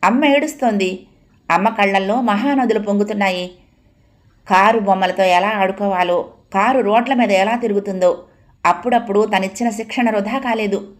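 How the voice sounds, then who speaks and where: A woman's voice: medium pitch, normal speed. Woman narrating an audio novel dramatically.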